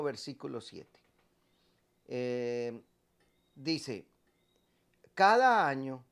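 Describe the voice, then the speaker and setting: Slow, emphatic priest preaching. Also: male voice, a little high. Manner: emphatic, repeating phrases for stress. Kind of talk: sermon.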